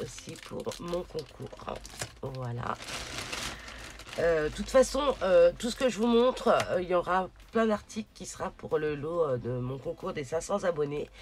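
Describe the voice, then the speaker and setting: Halting woman showing a craft haul. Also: deep voice. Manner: halting, many hesitations and searching for words. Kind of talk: casual haul video. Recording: noticeable background noise, crinkling. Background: rustling and crinkling of packaging.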